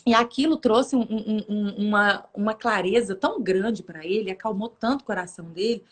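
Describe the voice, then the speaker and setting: A woman, telling a faith story in a lively, casual way, acting out voices and laughing often. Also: moderate pace. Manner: lively, acts out quoted voices with big pitch jumps.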